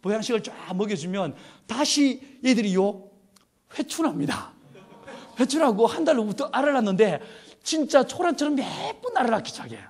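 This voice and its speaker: A man's voice: very high-pitched, very animated, moderate pace, slightly rough. A middle-aged man preaching a humorous sermon at a youth retreat, telling stories with playful laughter. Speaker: pastor.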